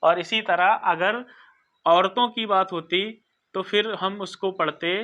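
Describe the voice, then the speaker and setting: A teacher giving a recorded lesson, explaining slowly and patiently, sounding out word forms and often checking that listeners follow. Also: medium pitch, fairly bright tone. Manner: patient, repeats and checks understanding. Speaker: Arabic grammar teacher. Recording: dull lo-fi recording.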